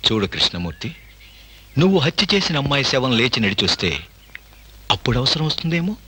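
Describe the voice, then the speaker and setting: A sly, taunting blackmailer. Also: male voice, medium pitch, big pitch swings, a little fast, pushed and bright, breathy edge, full character voice. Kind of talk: film thriller dialogue.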